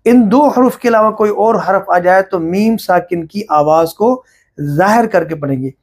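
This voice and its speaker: A middle-aged man teaching Quran recitation rules, explaining each point slowly and step by step. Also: high-pitched. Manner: slow, deliberate, explaining step by step. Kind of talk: religious lesson on recitation rules.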